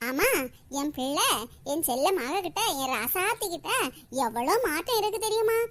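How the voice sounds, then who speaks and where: A doting village mother and her sweetly reformed daughter in a Tamil cartoon, both in a very high, bright, sing-song voice put on by a woman. The accent is Kanyakumari Tamil. The sound is close and clear. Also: normal speed. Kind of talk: animated cartoon voice acting.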